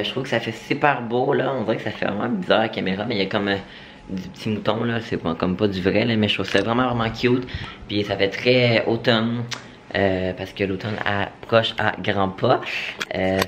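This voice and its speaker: A young man with a Quebec French accent talks casually to his camera at home, hesitating often and filling pauses. His voice sits fairly low. A faint hiss lies under the recording. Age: young adult. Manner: chatty, full of fillers and hesitations. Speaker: vlogger. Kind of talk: casual vlog chat. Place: at home, indoors.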